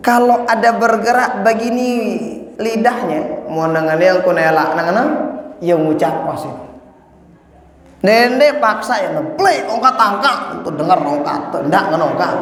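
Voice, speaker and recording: A man preaching an animated sermon, speaking straight to his congregation and chanting lines of the creed. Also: high-pitched, unhurried. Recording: echoey hall.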